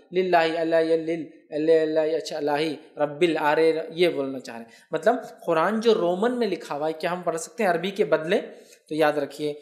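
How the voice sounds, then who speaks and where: A man answering viewers' questions as a religious scholar. He explains patiently, keeps checking that listeners follow him, and slowly sounds out Arabic words to show how they are pronounced. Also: on the high side.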